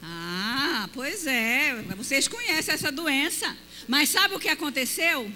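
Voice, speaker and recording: A middle-aged woman, a pastor's wife giving a lively storytelling testimony that acts out the voices she quotes. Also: high voice, slow pace, a little hiss or hum. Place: church hall. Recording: reverberant church hall.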